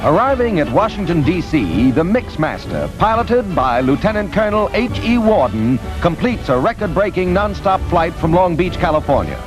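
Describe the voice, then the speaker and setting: A man narrates in the formal, emphatic style of a 1940s newsreel. His pitch sits somewhat high and moves a lot. Loud music plays under the old soundtrack. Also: very animated, normal speed, hardly any pauses, low-quality recording. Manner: formal, emphatic announcer delivery.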